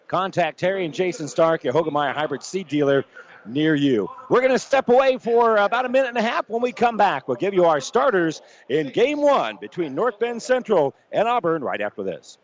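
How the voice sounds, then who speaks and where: Male pregame host, high-pitched, projecting like an upbeat morning show host, on a slightly muffled live radio feed. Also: very animated, moderate pace. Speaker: sports radio host and play-by-play broadcaster. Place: basketball arena broadcast position. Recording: dull, band-limited live radio broadcast.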